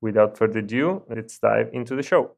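A man's voice: mid-range voice, a little fast, gravelly. A male podcast host who reads a scripted introduction and then asks his guest short questions. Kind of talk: interview hosting.

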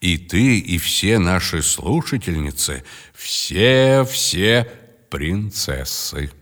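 A man hosting and narrating a children's book reading in an expressive manner. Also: sits low, takes it slowly, dry recording, clean studio sound. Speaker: storyteller host.

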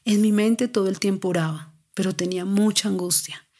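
A woman's voice: mid-range voice, steady tone, a little fast, dark tone. A woman recounting a family story as a mother, earnest and confiding, speaking straight to the listener. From Colombia.

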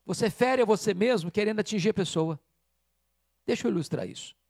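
A man's voice: high voice, a little fast, darkish tone, dry recording, studio quality. A man preaching a sermon as pastor, emphatic and repeating key phrases for weight.

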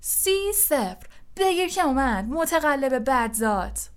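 A woman playing a shouting young commentator. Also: fairly high pitch, expressive, voice pushed up, close to an everyday voice. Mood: excited. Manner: rapid, shouting, openly partisan commentary. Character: excitable young male quidditch commentator. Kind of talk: audiobook character voice.

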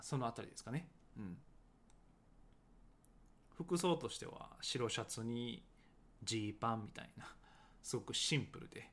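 A man who teaches English conversation talks casually about his book, hedging often and pausing with many fillers. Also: mid-range voice, fairly bright tone. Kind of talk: casual solo talk promoting his book.

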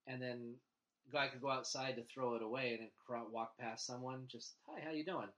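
A man who has the flu talks his way through a casual chat. He is chatty and sarcastic, laughing as he goes. His voice sits in a middling pitch. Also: fairly even intonation, fairly quick, fairly bright tone, low-quality recording.

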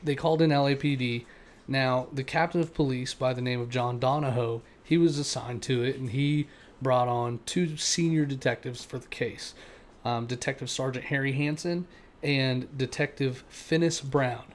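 Casual man swapping stories. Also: medium pitch. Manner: loose, swearing, storytelling with fillers. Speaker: podcast co-host. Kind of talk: casual chat.

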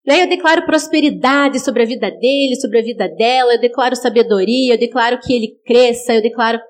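A woman's voice: fairly high pitch, fairly quick. A woman preacher giving a sermon, talking straight to her listeners with rhetorical questions and acting out their words in quoted asides. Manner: earnest, direct address with rhetorical questions.

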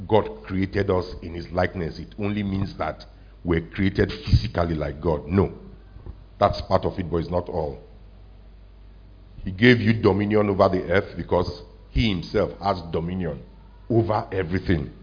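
Recorded in a church hall with muffled, slightly lo-fi audio, a low, deep-voiced pastor preaches in a conversational style. He puts questions to his congregation and slows his delivery for emphasis on the key points.

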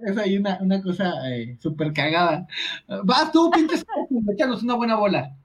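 A Mexican woman chatting casually with friends, animated and slangy, often laughing and acting out quotes. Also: medium pitch, moderate pace. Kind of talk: casual chat among friends.

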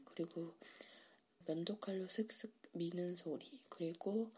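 A woman speaks as an ASMR host introducing a recording to listeners. Her voice is mellow, breathy and a little low. She talks in a hushed way, often dropping into a whisper. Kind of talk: soft podcast-style introduction to listeners.

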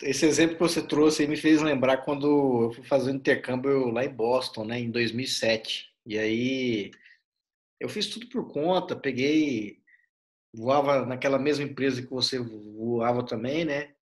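A man's voice: medium pitch, unhurried. A man hosting a casual interview, telling a rambling story full of fillers. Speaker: interview host.

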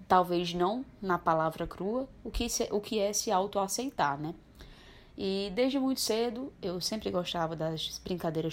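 A woman in her twenties telling her personal story as a podcast guest, reflective and lively. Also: lowish voice. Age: 20s. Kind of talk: personal testimony.

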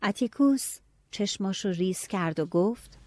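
A woman narrating a novel in the first person, telling it in a lively, expressive way. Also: mid-range voice, no echo, clean studio sound. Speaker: audiobook narrator.

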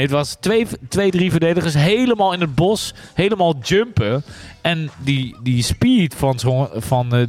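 Hesitant man leading a podcast. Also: medium pitch. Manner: hesitant, many fillers, agreeing often. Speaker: podcast host. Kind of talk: casual basketball chat.

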